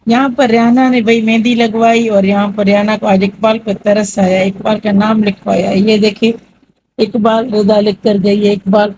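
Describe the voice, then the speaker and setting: A Pakistani woman vlogger narrates a casual home vlog, tired and low on energy with a headache. Her medium-pitched, darkish voice barely moves in pitch, and the rough recording carries slight background noise as she chats about what her family members are doing.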